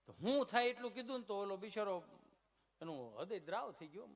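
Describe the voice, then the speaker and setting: High-voiced guy doing stand-up stories, kathiawadi gujarati accent, chatty and lively. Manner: chatty, storytelling, quick to slip into voices. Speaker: stand-up comedian. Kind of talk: folk stand-up comedy storytelling.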